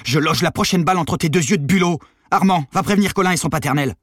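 A man voicing a defiant teenage girl who yells threats while holding a gunman at bay. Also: a little high, fast talker, husky, dry recording, clean studio sound, voice pushed up. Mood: fierce shouting. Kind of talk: audiobook character voice.

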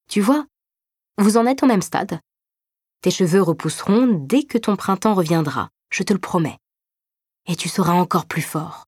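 A woman voicing a gentle older brother who explains things patiently and reassuringly in a narrated story. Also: lowish voice, no echo, studio quality, natural voice.

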